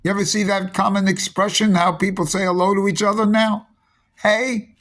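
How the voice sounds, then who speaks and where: A man giving a rambling spoken teaching on mysticism, halting often with restarts and repeated words. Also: high voice, level tone, fairly bright tone.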